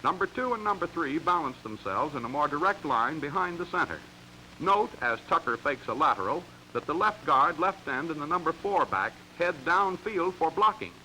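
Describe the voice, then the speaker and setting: A man's voice: on the high side, lively intonation, moderate pace, sharp tone, a little hiss or hum, low-quality recording. An American man reading scripted narration for a 1940s sports training film in an emphatic, instructional way, on a vintage soundtrack. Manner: crisp, emphatic, instructional delivery.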